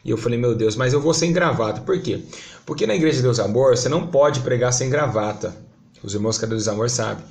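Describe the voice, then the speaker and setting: Man, Brazilian pastor, testimony, earnest storytelling, fervent emphasis, mid-pitched, gravelly. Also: fast, darkish tone. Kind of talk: testimony to a church audience.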